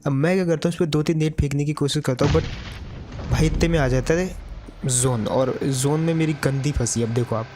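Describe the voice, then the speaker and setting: A man's voice: fairly high pitch, fairly even intonation, a little fast, background noise. A man giving casual commentary over a mobile game match, chatty and addressing his viewers as brother.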